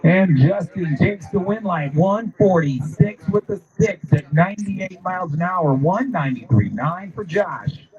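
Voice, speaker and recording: A man's voice: sits high, lively intonation, measured pace, darkish tone. Man announcing races over a muffled stream. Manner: calls names and times over a PA. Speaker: race announcer. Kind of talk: live race-track announcing.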